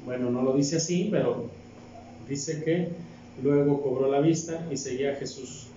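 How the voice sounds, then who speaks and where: Reading scripture during a sermon, a deacon with a Mexican accent keeps asking his congregation rhetorical questions. His voice is mellow, medium-pitched and moderately paced; the church hall is very echoey, the mic distant, and the sound dull with slight hiss or hum.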